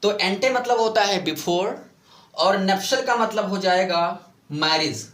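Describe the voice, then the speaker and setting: A man teaching English vocabulary in Hindi mixed with English, explaining slowly, repeating words and asking his students questions. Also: high voice, a bit bright, reverberant.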